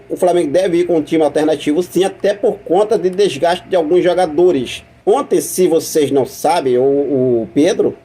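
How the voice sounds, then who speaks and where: Chatty Brazilian man with a husky voice. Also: fairly high pitch, dark tone. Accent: Brazilian Portuguese. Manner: chatty, repeats points, asks viewers questions. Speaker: football news channel host. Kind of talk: casual news commentary to camera.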